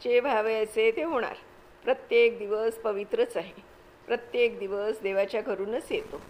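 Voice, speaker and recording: A woman's voice: a little high, normal speed, slight background noise, lightly acted, poor audio. A woman reading aloud, voicing a blunt, fearless village man from a storybook. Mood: dismissive.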